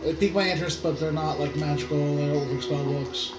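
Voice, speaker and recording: A man's voice: on the high side, fairly even intonation, quick pace. A man playing a tabletop role-playing game, talking casually and hesitantly as he thinks aloud. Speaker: player. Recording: roomy recording with background music. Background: background music.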